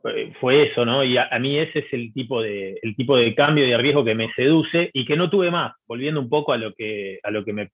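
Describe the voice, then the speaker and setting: A man talks through his thoughts hesitantly, with many fillers. His voice is husky, and it comes through a tinny, phone-like line. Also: mid-range voice, fairly quick, few pauses. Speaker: panelist. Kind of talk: casual music debate.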